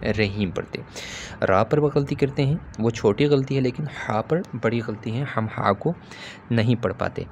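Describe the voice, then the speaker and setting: Low-voiced man teaching recitation. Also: darkish tone, a little hiss or hum. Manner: stops to model Arabic sounds slowly and with stress. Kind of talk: instructional talk on pronunciation.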